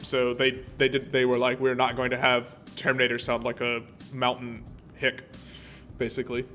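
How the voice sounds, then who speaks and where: A man's voice: medium pitch, completely flat delivery, moderate pace, sharp tone. A man streaming a naval warship game, chatting casually and rambling with plenty of fillers and restarts. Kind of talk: casual gameplay commentary.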